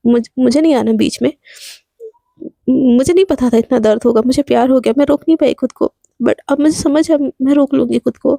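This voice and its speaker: A wounded, defiant young woman fires back at her lover in quick, indignant retorts, as a woman storyteller voices her. The voice sits high, recorded close and dry with no room sound. It is storytelling delivered by a single narrator. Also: creaky, mellow, no echo. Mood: hurt.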